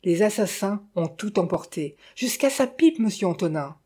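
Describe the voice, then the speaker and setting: A woman reading an audiobook, voicing a sharp-tongued, greedy middle-aged widow who scolds and frets about money. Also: animated, moderate pace, slightly rough. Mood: fretful. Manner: shrill, scolding and grasping. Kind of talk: audiobook character voice.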